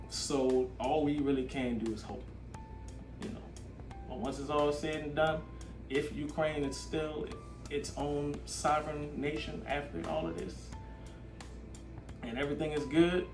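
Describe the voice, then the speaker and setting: Blunt-talking male podcast host, roomy sound. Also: mid-range voice. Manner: blunt, plainspoken opinions. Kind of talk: casual chat. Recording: roomy, distant mic, music behind.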